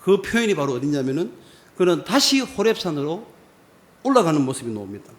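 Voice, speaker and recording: A man's voice: on the high side, very animated, brisk. A man, a pastor, preaching a Friday prayer service sermon in a church and acting out the quoted lines of God and Moses. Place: church sanctuary.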